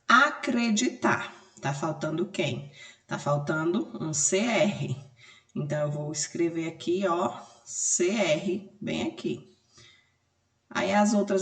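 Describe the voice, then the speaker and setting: A woman with a Brazilian accent teaching a recorded class, explaining each step slowly and patiently. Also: fairly low pitch, recorded from a distance. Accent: Brazilian Portuguese. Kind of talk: recorded remote class lesson. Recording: roomy echo, off-mic.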